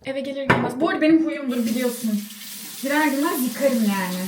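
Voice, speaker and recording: A woman's voice: sits high, fast talker, a crowd in the background. A woman bantering casually with her friend at home. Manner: banters and teases. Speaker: vlog co-host. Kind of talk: casual chat. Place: home, indoors. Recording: echoey room.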